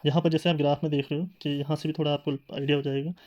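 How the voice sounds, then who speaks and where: A man's voice: on the high side, little pitch movement, rapid-fire, warm tone, muffled recording. A man teaching a classroom lecture in tinged speech, explaining step by step with rhetorical questions and filler sounds.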